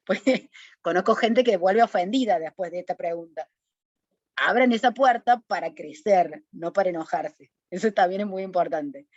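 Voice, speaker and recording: A woman with a Córdoba accent teaches public speaking over a video call, her voice a little low. She talks in a lively, direct way and keeps tossing questions to her audience. The sound is dull and dry, like webinar audio. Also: moderate pace, dry recording. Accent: Córdoba Argentine Spanish. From Córdoba, Argentina. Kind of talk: online webinar lesson.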